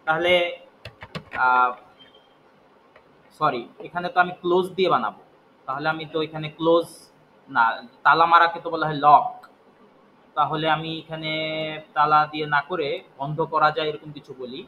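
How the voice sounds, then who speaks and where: A man's voice: on the high side, fairly even intonation, normal speed, pauses often, lo-fi sound, slight background noise. A man teaching English grammar, explaining step by step and asking and answering his own questions. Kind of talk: spoken grammar lesson.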